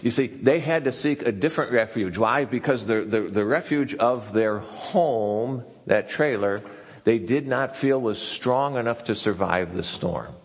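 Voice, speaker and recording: A man's voice: medium pitch, unhurried, slightly rough. A man preaching a sermon in a loose, conversational way, often restarting his sentences. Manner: conversational and folksy, with frequent restarts. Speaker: pastor. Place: church sanctuary. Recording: long hall reverb.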